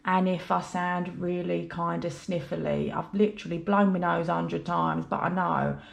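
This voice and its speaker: A British woman from the United Kingdom, nose blocked up by a head cold, counts cash for her budgeting vlog while chatting in a rambling, apologetic way. Her voice is on the low side with vocal fry, fairly even intonation and normal speed.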